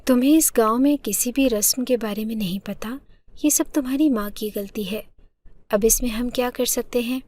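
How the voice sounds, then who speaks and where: A woman voicing a calm young husband who lectures and coaxes softly in a told story. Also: on the high side, close to an everyday voice. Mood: coaxing. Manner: soft, coaxing, lecturing.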